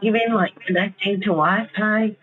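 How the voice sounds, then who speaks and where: A woman talking through a voice changer while posing as a scam target, with slow, halting, vague answers over a deliberately muffled phone line. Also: medium pitch, steady tone, pitched above the performer's own voice. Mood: playing dumb. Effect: voice changer, muffled on purpose. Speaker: scambaiter.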